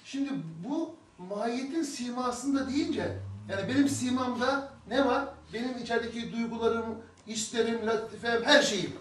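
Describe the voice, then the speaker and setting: A man's voice: very high voice, normal speed, a bit bright. Study-circle student, man, thoughtful questioner; distant with faint background noise. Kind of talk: asking questions in a lesson. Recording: echoey room, far from mic, faint noise.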